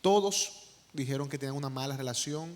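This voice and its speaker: A man's voice: mid-range voice, brisk. Man moderating a conference panel. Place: large conference hall. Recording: reverberant hall.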